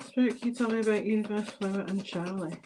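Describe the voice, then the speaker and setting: A woman's voice: medium pitch, fast talker, warm tone, a little hiss or hum. A British woman giving a chatty live tarot reading, addressing viewers by name and thinking aloud as she turns the cards. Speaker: tarot reader.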